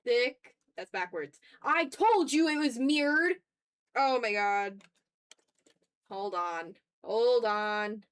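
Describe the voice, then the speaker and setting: This art streamer's voice sits on the high side and is smooth and expressive, and she takes her time. While drawing on a livestream, she chats loosely with her audience and mumbles her way through every step.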